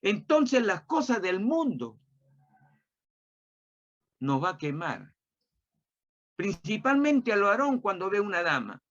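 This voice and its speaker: A man preaches a sermon and tells a personal story along the way. He talks in an animated way and repeats his rhetorical questions, and his voice swings widely in pitch. The recording sounds dull and lo-fi. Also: slow pace, long pauses.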